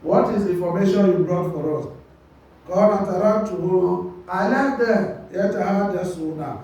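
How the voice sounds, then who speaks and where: A man's voice: sits high, moderate pace, darkish tone. A man giving a religious lesson who reads a passage, explains it line by line and quizzes his listeners with rhetorical questions. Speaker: Quran commentary teacher. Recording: very echoey hall, mic far off.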